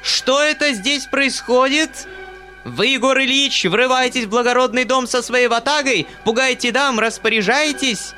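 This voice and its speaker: Мужчина играет властную мать-дворянку, вопящую от злости; высокий, звонкий и напряжённый тембр, напористая речь. Вдали еле слышна музыка. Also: male voice, extremely high pitch, moderate pace, pushed and bright, soft background music, voice pushed up. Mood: shrieking fury. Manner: shrieking, scolding. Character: shrill furious noblewoman, domineering mother.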